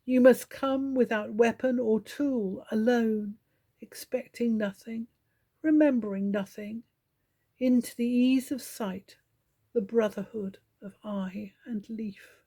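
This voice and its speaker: A woman hosting her own channel, reading poems aloud slowly and meditatively, soft-spoken with gentle pauses. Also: fairly high pitch. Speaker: poetry reader and channel host. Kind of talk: slow, meditative poetry recitation.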